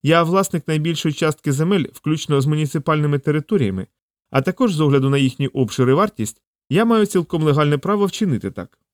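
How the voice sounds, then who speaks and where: A man's voice: fairly high pitch, expressive, no room sound, clean studio sound, pitched above the performer's own voice, natural voice. A man playing a solemn young landowner. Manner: solemn, measured.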